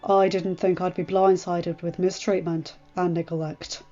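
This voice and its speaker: In a dull lo-fi recording with faint background music, a woman plays a cold, angry middle-aged lord whose clipped lines rise into shouting. She uses a lowish, flat voice, a little slow and only lightly acted.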